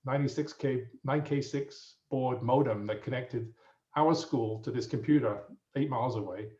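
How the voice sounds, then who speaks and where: A man in his fifties with an English accent, a guest telling his story in a relaxed, rambling way with lots of fillers, heard over muffled remote audio. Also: mid-range voice. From England. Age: 50s. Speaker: guest professor. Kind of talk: casual storytelling. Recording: muffled, roomy audio from a distance.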